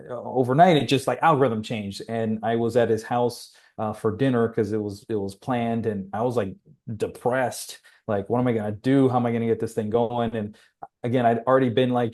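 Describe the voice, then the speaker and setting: Mellow-voiced man in his forties. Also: medium pitch, normal speed. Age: 40s. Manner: reflective, rambling with frequent restarts. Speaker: podcast guest. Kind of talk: personal storytelling in conversation.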